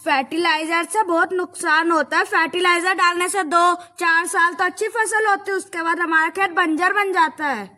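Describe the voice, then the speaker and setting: A woman's voice: very high voice, steady tone, moderate pace, hardly any pauses, pushed and bright. A woman playing an earnest, clever farmer's son in an amateur street play, declaiming like a lecture. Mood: lecturing.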